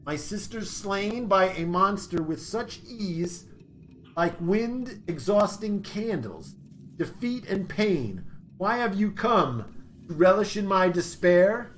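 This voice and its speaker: A man reading as a proud, teasing fey nymph from a fantasy game, in a fairly high voice. The reading stays close to his own plain tone, with a faint hum behind it. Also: expressive, takes it slowly. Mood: bitter. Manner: reads her lines aloud in a near-plain voice.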